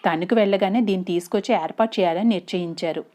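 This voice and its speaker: A woman's voice: medium pitch, fast, a little mellow. A woman reading a short story aloud, narrating and giving each character a voice.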